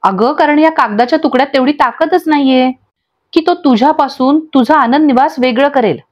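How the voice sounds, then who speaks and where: A woman's voice: high-pitched, fairly quick, lo-fi sound, natural voice. Jeeva, a firm young husband, read by a woman. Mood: firm, soothing. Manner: soothing, then firm and insistent. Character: steady young husband calming his wife.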